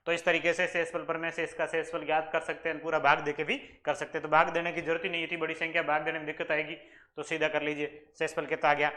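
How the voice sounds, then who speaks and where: A man's voice: on the high side, completely flat delivery, fast talker, bright, forceful tone. A male maths teacher explaining exam questions step by step, asking questions and answering them himself. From Rajasthan, India. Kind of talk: exam-prep maths lesson.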